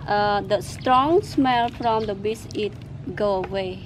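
A woman whose first language is Khmer, host of a cooking show, slowly narrating each cooking step outdoors in simple phrases with pauses and fillers. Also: medium pitch. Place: outdoors in a rural yard. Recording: loud outdoor noise.

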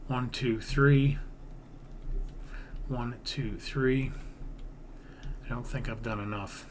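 Speaking slowly at a medium pitch with a fairly even tone, a man offers casual let's-build gaming commentary, rambling and thinking aloud. He half-mutters counts and swears mildly as a gaming video creator narrating his own build series. He's indoors at a computer, and the background is noisy.

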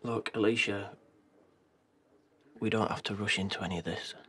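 An actor playing a calm, gentle husband who speaks softly and tries to soothe things over. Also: male voice, on the low side, normal speed, a little hiss or hum. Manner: soft-spoken, placating. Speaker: actor in a TV soap. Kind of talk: naturalistic TV drama acting.

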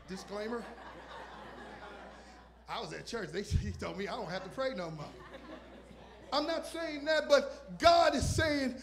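Under purple stage lights in a church, a visiting pastor delivers a sermon into a handheld mic. His voice is strikingly high, and he moves from shouting bold declarations to dropping into quiet, almost whispered asides.

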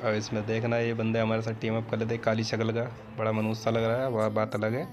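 Guy intro-ing his gaming vid, low flat voice, fast, music in the back. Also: slight background noise. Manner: chatty, addresses viewers as brothers. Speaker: gaming video host. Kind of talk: casual video intro narration. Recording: music playing underneath.

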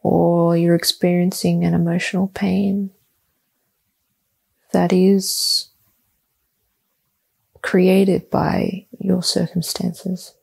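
A woman leads a meditation with a husky, slightly gravelly, fairly low voice, heard through a rough recording. She talks very slowly and calmly in an even, level tone, offering short, soothing instructions separated by long pauses.

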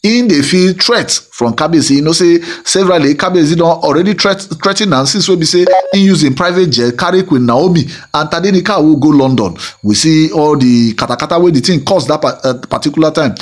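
A middle-aged gossip channel host, Igbo by first language and speaking with a Nigerian Pidgin accent, rattles off a rambling celebrity gossip monologue packed with fillers and repeated phrases. His voice is on the high side, brisk, with hardly any pauses.

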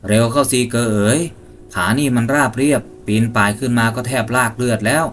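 A man's voice: mid-range voice, fairly quick, fairly bright tone, pitched above the performer's own voice, natural voice. A man voicing a nervous young hunter in a ghost story, speaking in a tense, wary and pleading way.

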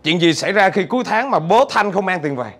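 A middle-aged man from Vietnam, giving an animated, joking seminar talk as a business trainer, repeating words and questioning his audience. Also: high voice, fast, slight background noise.

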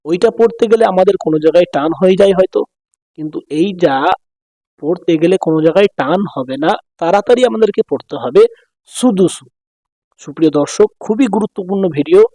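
Bangladeshi guy teaching quran reading, high voice, draws out syllables slow then rattles through the explanations. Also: dark tone, dry recording. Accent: Bangladeshi Bengali. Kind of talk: spelling-out reading lesson.

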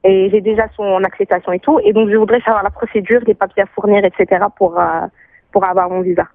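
A woman's voice: medium pitch, flat delivery, fast talker, dry recording. A young woman student calling in to a radio show, asking politely with hesitant fillers. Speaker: caller, student. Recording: tinny phone line, dry.

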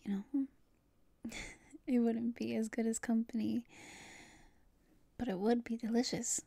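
A woman's voice: fairly high pitch, steady tone, measured pace, creaky, dark tone, no room sound. A woman voicing a tired, playful, affectionate girlfriend in an ASMR role-play, talking intimately and a little hesitantly on a late-night call to her lover. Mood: teasing, sleepy.

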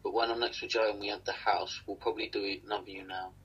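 A man's voice: on the low side, flat delivery, fast talker, a bit bright, slightly rough, muffled recording. A young man co-hosting a casual livestream from a small room, chatting and thanking viewers by name. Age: young adult. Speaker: livestream co-host. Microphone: webcam at desk.

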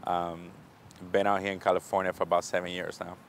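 In a low, monotone voice that moves a little fast, with a bit of hiss or hum in the audio, a Dominican man in his thirties offers a casual self-introduction. A chef and restaurant owner, he speaks candidly about his life, using easy fillers, in a restaurant kitchen and gym.

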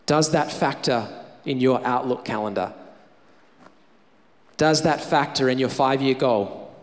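Energetic Australian pastor in echoing hall. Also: male voice, mid-range voice, a little slow. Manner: energetic, emphatic, repeats phrases for effect. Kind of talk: sermon. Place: church hall. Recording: church hall reverb.

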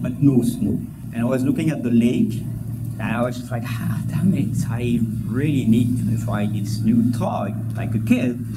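Loud, clearly audible background music runs beneath this very noisy recording of a stage talk. The speaker, a middle-aged man from France with a French accent and a mid-range voice, is an entrepreneur and endurance athlete who chats and jokes through personal anecdotes at a conference.

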